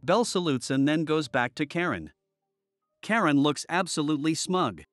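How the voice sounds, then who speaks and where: A man narrating workplace and army stories in a steady scripted storytelling voice, lightly voicing the people in them. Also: a little high, normal speed, dry recording, faint music behind.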